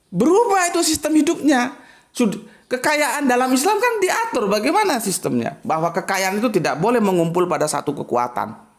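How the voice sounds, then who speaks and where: A man giving a casual religious lesson, emphatic and full of rhetorical questions and spoken examples. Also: sits high. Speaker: Islamic teacher.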